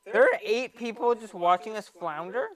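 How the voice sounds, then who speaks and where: A woman co-hosting a casual podcast with friends, tossing out quick joking comebacks. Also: mid-range voice. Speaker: podcast co-host. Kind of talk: casual chat among friends.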